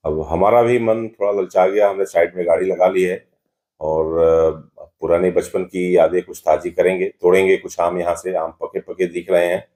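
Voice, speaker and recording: Low-voiced man narrating a travel vlog. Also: warm tone. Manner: unhurried, pauses often with "uh" fillers. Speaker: travel vlogger host. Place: driving on hilly roads, then at a roadside dhaba and outdoors.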